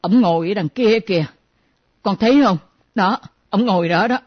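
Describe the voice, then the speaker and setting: A woman voicing an aging widowed mother who speaks slowly and complains, haunted by dreams of her late husband. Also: slightly rough, natural voice. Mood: dazed. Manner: slow, low, complaining. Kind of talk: radio drama acting. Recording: dull lo-fi recording.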